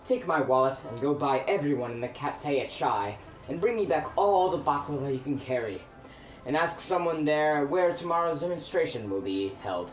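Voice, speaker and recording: A performer plays a Scrooge-like tomcat in a radio play, theatrical and exclamatory. The mid-pitched voice pleads with melodrama, a little away from the mic in a roomy space with faint noise. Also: expressive, normal speed, recorded from a distance, soft background music, natural voice. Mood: overjoyed. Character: theatrical miserly male cat Scrooge, fearful then joyfully repentant. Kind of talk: holiday radio play acting.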